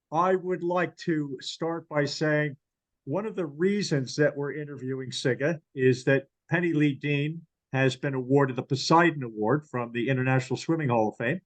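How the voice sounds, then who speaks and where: Guy hosting an interview, kinda high voice, slow careful questions with lots of uhs. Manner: measured, hesitant questioning. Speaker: interviewer, hall of fame chairperson. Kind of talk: interview over video call.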